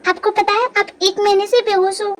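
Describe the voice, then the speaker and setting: A woman voicing a sweet but hurt young woman in a fan dub drama, asking gentle questions. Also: very high voice, flat delivery, normal speed, a little hiss or hum.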